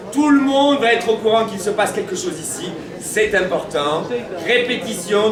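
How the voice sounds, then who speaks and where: High-pitched man proclaiming as a town crier. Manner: declamatory, playful, addressing the crowd. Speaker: town crier hosting a street event. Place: public gathering with an audience. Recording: echoey, distant mic in a crowd. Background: crowd.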